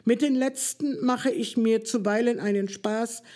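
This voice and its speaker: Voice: mid-range voice, steady tone, a little slow, a little mellow, voice pushed up, natural voice. A reader voicing a kindly, playful king of dreams in a storybook reading. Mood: amused. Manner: friendly, teasing storyteller.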